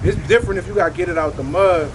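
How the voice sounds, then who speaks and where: A man's voice: sits high, racing, noisy background. A man with a New Orleans accent giving emphatic, repetitive motivational career advice in casual street slang. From New Orleans, USA.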